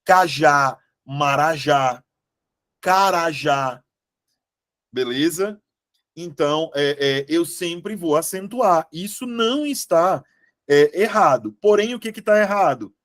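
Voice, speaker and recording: Slow, coaxing man teaching grammar. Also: on the high side, no echo, studio quality. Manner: lively, coaxing, asks the class frequent checks. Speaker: Portuguese teacher. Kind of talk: exam-prep lesson.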